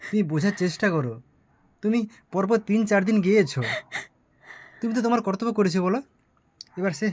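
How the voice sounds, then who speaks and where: A man playing a husband who gently reasons with his grieving wife, in an amateur family drama. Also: high-pitched. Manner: coaxing, reasoning.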